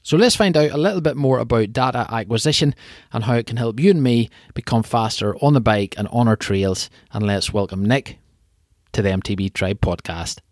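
Speaking a little fast in a mid-range, slightly mellow voice, a man hosts a podcast and interviews his guest in an informal, buddy-like style, using slangy ways of addressing him. The sound is clean studio quality with no room sound.

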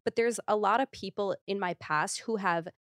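A woman's voice: medium pitch, moderate pace, a bit bright, no echo, clean studio sound. A young woman talking candidly as a podcast guest, rambling with lots of fillers and the odd nervous laugh. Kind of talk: casual podcast conversation.

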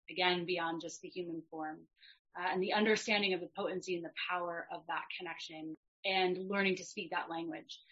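A woman speaks in a reflective, conversational way, choosing her phrases with care. Her voice is bright and clear-edged at a middle pitch. The recording is a little dull and band-limited. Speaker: podcast guest and herbal business co-founder.

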